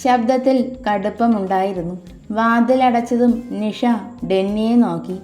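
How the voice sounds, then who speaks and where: A woman narrating a Malayalam romance story in a calm, steady reading voice. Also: fairly high pitch, measured pace. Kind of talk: audiobook narration. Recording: echoey room with soft music.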